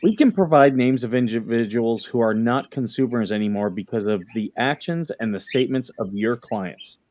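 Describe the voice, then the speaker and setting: A man's voice: medium pitch, moderate pace, darkish tone, lightly acted. A man playing a defensive, indignant plaintiff in a dramatic deposition reading, with hammy, sarcastic emphasis. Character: defensive, indignant male plaintiff under questioning.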